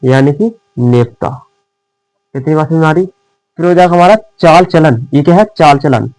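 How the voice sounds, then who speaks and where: A man's voice: a little high, moderate pace, darkish tone, no room sound, poor audio. A male teacher explaining shorthand in a classroom-style lesson, asking questions and answering them himself, calling his students dear children. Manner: repetitive quiz-style, asks and answers himself; affectionate address to students.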